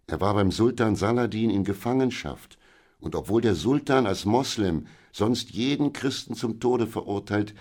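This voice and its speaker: Excitable storybook housekeeper, flustered and pleading, pitched up and pushed louder, as a deep-voiced male reader puts her on. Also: unhurried. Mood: excited. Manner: breathless, agitated, pleading. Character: excitable female housekeeper companion, middle-aged. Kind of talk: audiobook character reading.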